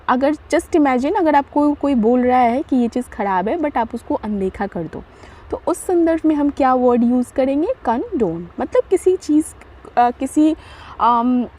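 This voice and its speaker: A woman teaching vocabulary in a slow, explanatory way, spelling words out letter by letter and answering her own questions. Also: sits high, darkish tone. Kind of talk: vocabulary lesson.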